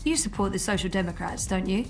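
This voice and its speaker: A woman's voice: mid-range voice, lively intonation, fast, darkish tone, soft background music, close to an everyday voice. A woman playing a kind young workshop employee in a video game. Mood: wry. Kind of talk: video game character acting.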